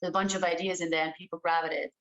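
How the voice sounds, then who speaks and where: A woman's voice: lowish voice, flat delivery, rapid-fire, a bit bright, poor audio. A woman who grew up in Austria, an actress, talking thoughtfully in an interview. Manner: reflective, thoughtful, hesitant fillers. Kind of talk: casual interview chat.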